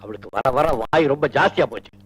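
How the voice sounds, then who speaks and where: A man's voice: on the high side, expressive, quick pace, slightly rough, low-quality recording. An actor playing an indulgent, teasing father of grown daughters, with playful, theatrical scolding in 1980s film dialogue.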